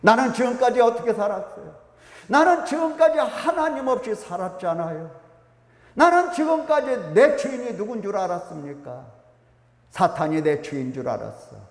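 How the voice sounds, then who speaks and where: A male pastor delivers a sermon with a high, lively voice that swings between emphatic peaks and quiet asides. He is recorded in a church sanctuary, and his voice rings through a roomy space with a long reverb tail. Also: moderate pace. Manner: animated preaching, rising to emphatic peaks and dropping to asides.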